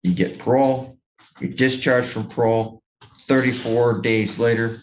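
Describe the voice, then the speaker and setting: A man serving as a judge, sentencing a defendant from the bench in a courtroom, blunt and lecturing, with halting restarts. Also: medium pitch, steady tone, lo-fi sound, a little hiss or hum.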